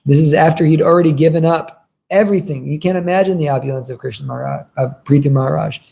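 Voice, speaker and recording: Gravelly, mellow man giving a devotional class. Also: on the high side, quick pace. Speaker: religious teacher giving a class. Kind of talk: informal devotional sermon.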